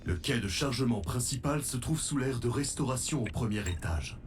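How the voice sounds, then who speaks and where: A man voicing a protective, polite animatronic robot in a video game, speaking in formal, earnest, measured explanations. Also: mid-range voice, expressive, distant mic, background noise, natural voice. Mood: helpful, instructive.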